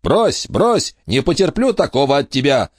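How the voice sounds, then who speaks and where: Guy doing a big loud jolly dwarf king, voice pushed way up, dry close sound. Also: on the high side, sing-song, normal speed, no room sound, pitched above the performer's own voice. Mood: hearty. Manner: hearty and loud, laughing. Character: booming jovial bear-like male dwarf king.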